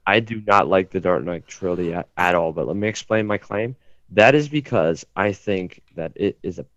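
Deep-voiced young co-host, dry dull sound. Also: male voice, normal speed, dry recording. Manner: interjecting, emphatic asides. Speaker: podcast co-host. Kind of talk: casual chat.

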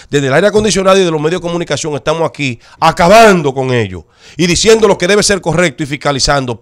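A Dominican man co-hosting a talk show, giving his opinion emphatically and repeating points for stress. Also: on the high side. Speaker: show co-host.

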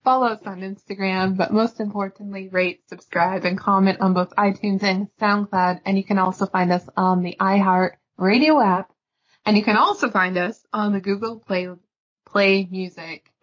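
A woman's voice: medium pitch, steady tone, normal speed. A woman hosting a podcast in casual chat, giggly and chatty, often laughing. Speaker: podcast host. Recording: dull lo-fi podcast audio.

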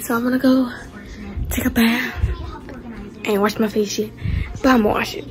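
A woman's voice: a little high, fairly even intonation, moderate pace, faint music behind. A young woman vlogging casually at home on her phone, chatty, laid-back and slangy. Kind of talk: casual vlog. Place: home, indoors.

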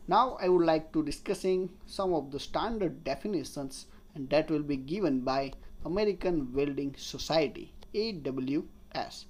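A man's voice: on the high side, normal speed, few pauses. A man, giving a slide lecture as an engineering tutor and explaining step by step while restating his points. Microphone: voice-over on slides.

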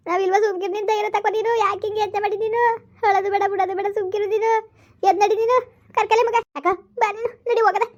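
A steady older village woman, voiced by a woman, soothes and urges in a high, brisk voice. The recording is dull and lo-fi. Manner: soothing, urging the other to stop crying.

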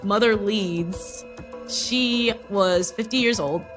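A woman's voice: medium pitch, slow. A young adult woman telling stories conversationally in a studio documentary interview. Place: indoor studio. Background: music.

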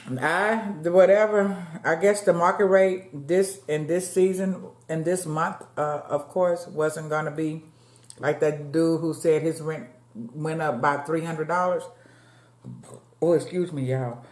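With a low, darkish voice and fairly even intonation, this woman in her late fifties talks at a measured pace as she eats and chats with viewers, calling them y'all. She sits at a table in a dim room at home, recorded by a fixed camera across from her with a roomy sound.

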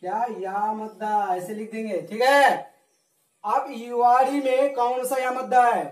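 A male religious studies teacher giving a recorded lesson, slowly drilling rules with repeated questions and answers. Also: very high voice, steady tone, roomy sound, low-quality recording. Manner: slow, repetitive drilling with call-and-response questions.

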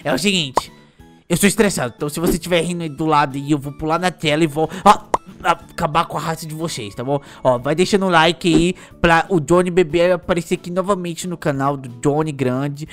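A man's voice: fairly high pitch, brisk, fairly bright tone, faint music behind, close to an everyday voice. A man voicing a bratty, easily stressed little boy with a whiny, panicky manner and cheeky insults, in a Minecraft role-play.

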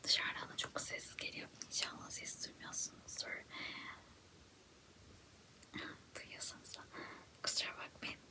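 A young woman in a whispered role-play, quiet as if at night, playing a self-absorbed, annoying, overconfident girl who admires herself and complains theatrically. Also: normal speed, lightly acted. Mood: self-admiring. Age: young adult. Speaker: ASMR creator. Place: small indoor room.

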